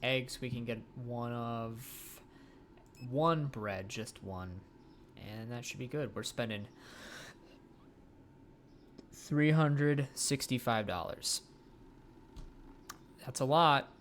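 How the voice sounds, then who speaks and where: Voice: mid-range voice, takes it slowly, long pauses, a bit bright, a little hiss or hum. A game streamer giving playful commentary, stammering and talking to the game's characters.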